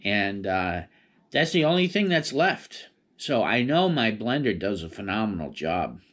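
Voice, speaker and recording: A man's voice: on the low side, very animated, a little slow, fairly bright tone. A man chatting casually on his own in a rambling, laid-back stoner manner. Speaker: vlogger. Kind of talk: casual solo rambling chat.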